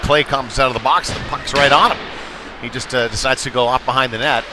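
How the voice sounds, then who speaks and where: A man calls a hockey game live in brisk, clipped present-tense bursts that swell as the play develops. His pitch is medium and his intonation fairly even, with a noisy background behind him.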